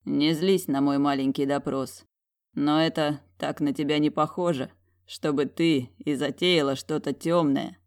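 A woman voicing a smug, teasing dragon general who speaks in a slow, low whisper. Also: fairly even intonation, darkish tone, dry recording, clean studio sound. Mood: tender whisper.

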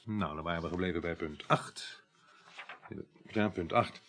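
In a 1980s radio crime drama, an actor plays a brisk, businesslike police inspector who gives impatient orders. His male voice is husky, low-pitched and fairly bright, with a measured mood.

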